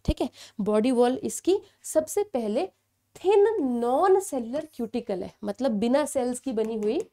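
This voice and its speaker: A woman's voice: on the high side, mellow. A young woman teaching an exam-prep biology lecture, explaining step by step, asking students questions and checking in often.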